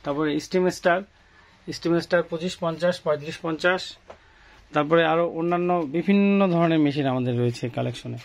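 Speaking a little fast in a fairly high pitch, a fishing tackle seller with a Bangladeshi accent shows off his goods informally to customers, explaining and repeating himself. A phone held in hand near him captures the scene in his small indoor shop, noisy and marked by clicks.

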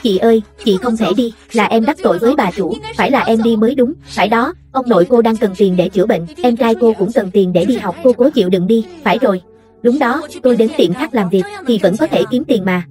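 A woman with a somewhat high voice reads every part of a dubbed drama in a steady voice-over. Faint music runs quietly under her. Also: fairly quick. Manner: steady read-out delivery across all parts.

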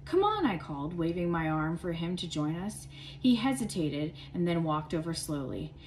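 A woman, a parent volunteer and substitute teacher, reading a children's chapter book aloud with expressive storytelling. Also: deep voice, moderate pace, a little hiss or hum, low-quality recording.

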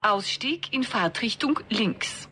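A woman reading onboard train announcements in a formal, even delivery. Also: on the high side, takes it slowly, a little hiss or hum.

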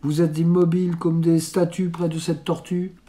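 A man's voice: on the high side, little pitch movement, normal speed, warm tone, pitched above the performer's own voice, lightly acted. A man voicing a proper genteel mother. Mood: perplexed.

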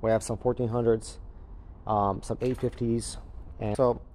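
His voice is medium-pitched, level and a little mellow, and he talks a bit slowly, with slight background noise behind him. A crypto mining farm operator, he films a casual, unscripted walkthrough on a handheld camera or phone, matter-of-factly explaining the large concrete-floored warehouse.

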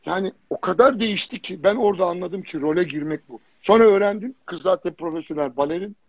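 This livestream guest, a fitness jury member who grew up in Germany, talks quickly in a high, husky voice, spinning casual stories full of blunt slang and repetition. His phone or computer mic gives a dry, dull, lo-fi stream quality.

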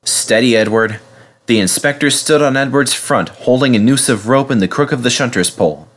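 A man narrating a children's storybook aloud in a lively, expressive way. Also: mid-range voice, a little fast. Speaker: reader.

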